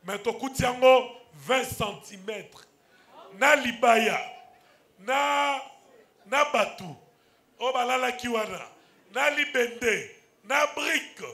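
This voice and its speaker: Male church member, high-pitched, lively testimony. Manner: lively storytelling, addressing fellow believers.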